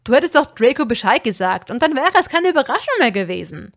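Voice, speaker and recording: A woman's voice: high-pitched, sing-song, fast talker, full character voice. A woman voicing a cheeky, carefree young male wizard in a breezy, teasing way.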